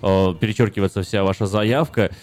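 A man's voice: fairly low pitch, steady tone, darkish tone. A man co-hosting a casual radio talk show, arguing his views earnestly. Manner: quick, earnest, argumentative. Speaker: radio co-host.

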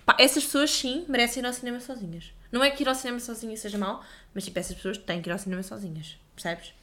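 Extremely fast young woman. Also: a little high, a bit bright. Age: young adult. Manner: slangy, opinionated. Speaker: podcast co-host. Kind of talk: casual chat.

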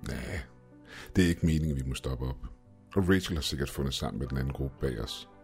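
A man voicing Grant, a dry calm young man. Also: rumbling low, soft background music. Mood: level.

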